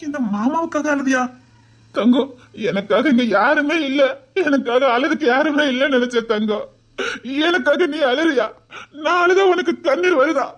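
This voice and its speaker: A heartbroken young uncle with a Tirunelveli Tamil accent, sobbing and pleading in a tender, high-pitched voice. Soft music plays faintly behind him. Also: male voice, moderate pace. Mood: tearful, tender. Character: heartbroken young man, a loving tearful uncle. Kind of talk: web series melodrama acting.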